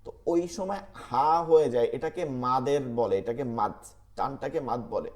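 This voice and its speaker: A man teaching an online Quran class, patiently repeating letter sounds slowly for students to copy. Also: mid-range voice, animated.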